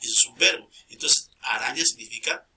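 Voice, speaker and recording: Bright-voiced male teacher. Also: medium pitch, fairly quick. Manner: checks in constantly with short tag questions; repeats key terms emphatically. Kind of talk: recorded grammar lesson.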